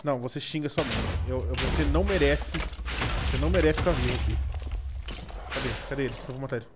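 A man's voice: medium pitch, fast, very noisy. A man chatting casually over a game, teasing and playfully bossy. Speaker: gameplay co-host. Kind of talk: casual gaming chat.

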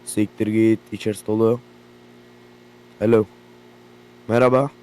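A man's voice: lowish voice, little pitch movement, unhurried. A young man giving profane, jumpy commentary while playing a horror game, with a game hum behind him. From Turkey. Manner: profane, loud, jumpy reactions. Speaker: gaming YouTuber. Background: generator hum from the game.

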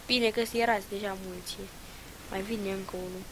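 A young woman giving casual, excitable commentary over her own gameplay, with loud outbursts and muttered asides. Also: mid-range voice, background noise. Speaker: gaming channel host.

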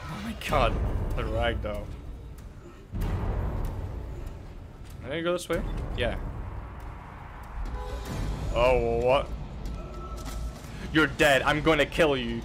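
A man streaming a video game, giving casual, crude commentary with goofy loud outbursts. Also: mid-range voice, slow pace, long pauses, music in the background.

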